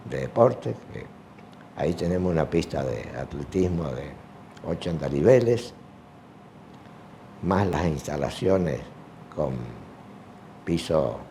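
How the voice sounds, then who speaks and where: Older man, low mellow voice, unhurried halting interview answers, faint hiss behind. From Argentina. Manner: slow, halting, with many fillers. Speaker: retired sports teacher.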